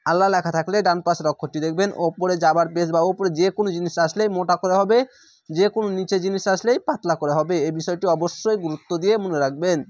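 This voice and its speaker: High-voiced man teaching Quran recitation. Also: fairly even intonation, darkish tone, dry recording. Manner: slow drawn-out chanted recitation between plain explanations. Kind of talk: spelling out and reciting Arabic verses letter by letter.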